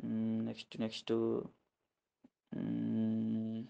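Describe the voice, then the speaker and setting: A man's voice: on the low side, completely flat delivery, slow, gravelly, warm tone, dull audio. A man teaching English vocabulary in Telugu, spelling each word letter by letter and keeping on asking his listeners if they follow. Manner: keeps asking "okay?" after each point, spells words letter by letter; earnest, gets emotional while lecturing. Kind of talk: casual lesson explaining words in Telugu.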